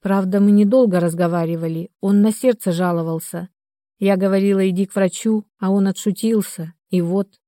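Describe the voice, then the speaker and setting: A woman's voice: medium pitch, steady tone, moderate pace, mellow, dry recording, studio quality, lightly acted. Woman reading as a guarded grown daughter. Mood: subdued.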